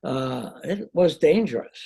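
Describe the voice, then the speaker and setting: A man leading a seminar discussion, wry and halting, with many restarts. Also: a little high, lively intonation, warm tone, husky. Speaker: discussion leader.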